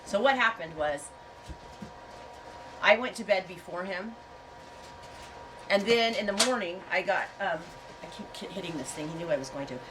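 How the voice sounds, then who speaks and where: Recorded from a distance against a noisy background, a yarn and fiber farm vlogger chats from her farm home, telling viewers rambling casual stories while nursing a stuffy head cold and laughing frequently. Her fairly low voice is animated, at normal speed, with long pauses.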